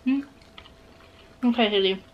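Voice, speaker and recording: With a fairly high voice at a measured pace, a woman chats casually to camera during a mukbang vlog, keeping things upbeat and playful with a child next to her. The recording sounds muffled.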